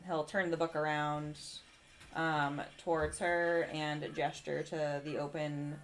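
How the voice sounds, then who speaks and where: A woman playing a tabletop game in a relaxed, matter-of-fact way. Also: low-pitched, takes it slowly, slight background noise. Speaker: player. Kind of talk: casual tabletop play.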